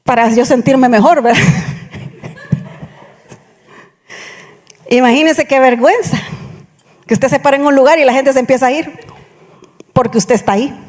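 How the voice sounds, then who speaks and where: A woman's voice: high voice, a little slow, pauses often. A woman pastor telling her own story in a sermon, acting out the dialogue as she goes. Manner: animated storytelling, acts out quoted dialogue. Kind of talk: sermon testimony. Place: church hall. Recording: reverberant church hall.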